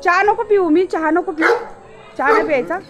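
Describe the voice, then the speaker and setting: A woman's voice: very high voice, moderate pace, dull audio, very noisy. A woman vlogging outdoors in light rain, filming on a handheld camera while she coaxes and scolds her dogs. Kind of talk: casual vlog talk. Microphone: handheld camera while walking.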